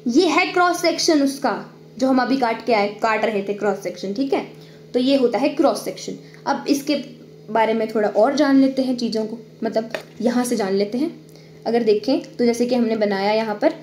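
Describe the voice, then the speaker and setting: High-voiced woman teaching biology. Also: a little mellow, echoey room, a little hiss or hum. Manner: explains step by step, checks in with "ठीक है"; drawing on screen while talking. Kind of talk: online exam-prep lecture.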